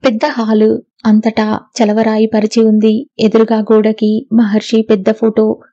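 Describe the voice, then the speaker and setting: A woman reads a novel aloud in steady, even storytelling. Her voice is mellow and fairly high, with a flat, level line. The recording is dry and a little dull. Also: a little slow, dry recording. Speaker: audiobook narrator. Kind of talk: scripted narration.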